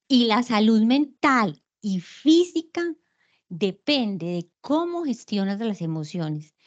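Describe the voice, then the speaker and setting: A woman's voice: mid-range voice, darkish tone, dull audio. A woman giving an online lecture, explaining patiently and asking rhetorical questions.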